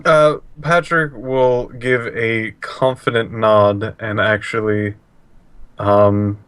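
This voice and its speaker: Slow-talking man, casual tabletop player. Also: lowish voice, steady tone, a bit bright, clean tone, no room sound. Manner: hesitant, thinking aloud. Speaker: player in a tabletop role-playing game. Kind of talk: casual chat.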